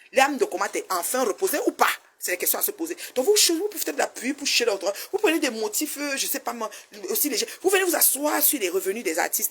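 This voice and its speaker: This online commentator, a woman in her fifties, has a slightly rough voice on the high side. Her casual ranting is animated and scolding, circling back to the same points again and again.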